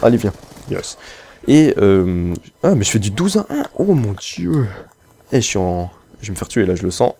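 A man's voice: lowish voice, big pitch swings, a little fast, warm tone, slight background noise. A man chatting casually while playing a shooter, rambling with lots of fillers and breaking off to react to the game. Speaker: gaming video creator. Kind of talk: casual chat over live gameplay.

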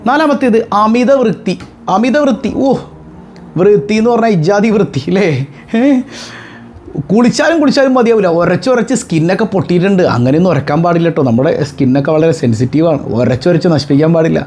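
A man, a religious teacher giving an animated talk to his followers, full of rhetorical questions and joking asides. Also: sits high, a little fast, slight background noise.

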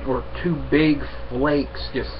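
Halting young man, dull webcam sound. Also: medium pitch, steady tone. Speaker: vlogger, pipe smoker. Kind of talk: casual chat to camera. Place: small room at home, indoors. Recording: dull webcam audio with faint noise.

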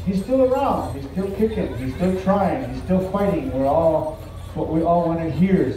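An older man giving an earnest, measured public address in powwow emcee style, pausing between short phrases. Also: on the high side, warm tone. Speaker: speaker for a family sponsoring a dance special. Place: large open-sided tent at an outdoor powwow. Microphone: distant camera picking up PA. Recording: echoey PA from far off, background noise.

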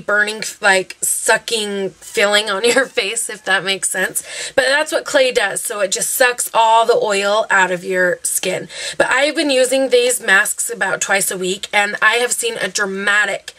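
A woman's voice: on the high side, bright, forceful tone. A young woman reviewing her favorite beauty products in a chatty, gushing way, full of fillers like "um" and "like". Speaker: beauty vlogger.

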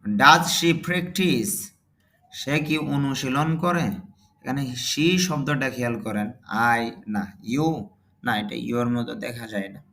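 Bangladeshi guy teaching english, drags out each example sentence really slow and loud, quieter when he explains. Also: medium pitch, steady tone. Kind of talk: spoken English lesson.

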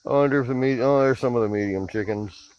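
Speaking fast in a medium-pitched, darkish voice with slight background noise, a man narrates a casual vlog from his rural backyard, filming his chickens by the coops. He mutters wry remarks at the flock, and the handheld camera captures dull lo-fi audio with clucking behind him.

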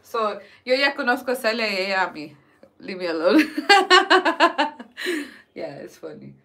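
A woman's voice: medium pitch, very animated, a little slow, creaky, a bit bright. Joking Spanglish woman. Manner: joking, switches between Spanish and English. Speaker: vlogger. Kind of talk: casual chat.

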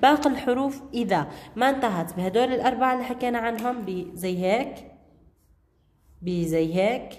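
A fairly high-voiced woman with a Levantine Arabic accent teaches a grammar lesson to a class. She talks patiently, goes over each point again and keeps checking that everyone follows. Her voice rings through a room with a long, echoey reverb. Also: brisk, darkish tone. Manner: patient, repeats key points and checks understanding.

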